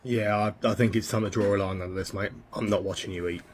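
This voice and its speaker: A man's voice: fairly low pitch, steady tone, fast talker, slight background noise. A man giving a sarcastic, dry mocking voice-over in a played clip.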